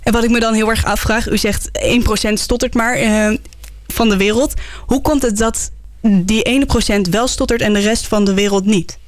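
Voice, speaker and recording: Curious woman host, slightly high. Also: steady tone, normal speed, no room sound. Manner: clear, curious questioning. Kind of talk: presenting and interviewing.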